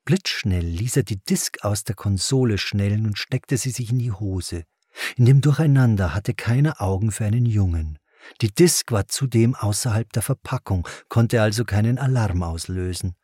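A man reading a novel aloud as narrator, in a measured and dramatic storytelling voice. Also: fairly low pitch, mellow, slightly rough, no room sound, studio quality. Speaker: audiobook narrator. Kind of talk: scripted narration.

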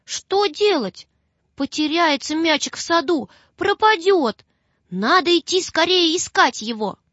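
A woman voicing a frightened little girl who pleads tearfully in a high voice. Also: lively intonation, measured pace, fairly bright tone, dry recording, dull audio, exaggerated voice. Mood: frightened pleading.

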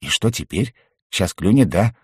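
A man voicing an excitable, mischievous young male goblin jester in an audiobook, squealing and bouncy. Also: lowish voice, normal speed, breathy edge, dry recording, clean studio sound. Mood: excited.

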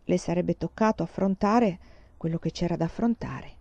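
A woman reading a novel aloud in a calm, measured storytelling manner. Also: on the low side, vocal fry, no room sound, muffled recording. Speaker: audiobook reader.

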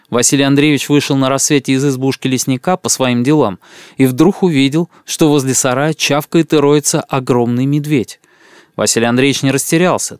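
A man narrates an audiobook in a wry, even storytelling manner. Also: mid-range voice, dry recording, studio quality. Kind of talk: audiobook reading.

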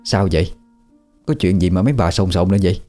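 A man's voice: low voice, a little fast, warm tone, soft background music, lightly acted. A man voicing an anxious, bossy old village wife, firing off fretting questions.

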